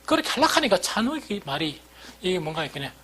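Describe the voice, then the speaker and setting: A man's voice: high-pitched, sing-song, fast talker, bright, forceful tone, breathy edge. A middle-aged male pastor with a Gyeongsang dialect accent, preaching a sermon with folksy, self-deprecating stories.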